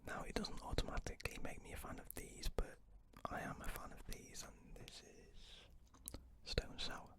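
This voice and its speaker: A man whispers an ASMR ramble very close to the microphone, as if into the listener's ear. His speech is fully unvoiced and breathy. He wanders along casually, with hesitant asides. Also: moderate pace.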